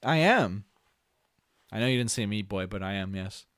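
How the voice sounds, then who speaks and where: A man streaming live, reacting to a video with excitable, swearing, joking commentary. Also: on the low side, fast, clear, resonant tone, no room sound, studio quality. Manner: excitable, swears, laughs and jokes a lot.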